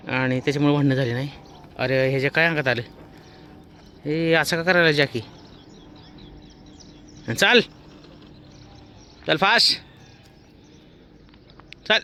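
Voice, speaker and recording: A man's voice: on the high side, fairly bright tone. Chatty man vlogging on a walk. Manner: chatty, calls out to dogs to shoo them. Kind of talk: casual vlog commentary on a walk. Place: outdoors on a road. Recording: faint outdoor noise.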